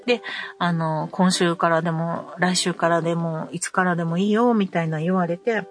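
A middle-aged woman with a Kansai accent, hosting a podcast and telling a story in a casual, animated way. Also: fairly low pitch, normal speed. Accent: Kansai Japanese. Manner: animated storytelling, acting out quarrels. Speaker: podcast host.

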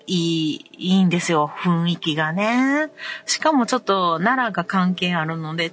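A woman in her forties with a Nara Kansai accent, hosting a casual chat show and reading listener messages, relaxed and full of pauses and fillers. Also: fairly low pitch. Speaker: podcast host.

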